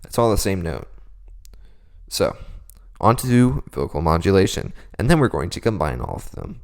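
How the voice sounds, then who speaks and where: Low, gravelly young man explaining vocal tricks. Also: very animated, normal speed. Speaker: beatbox tutorial host. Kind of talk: casual vocal technique tutorial.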